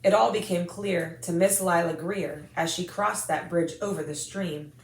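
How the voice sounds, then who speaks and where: An American woman reading a rhyming children's picture book aloud in an expressive, singsong rhythm. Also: on the low side, measured pace. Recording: echoey room.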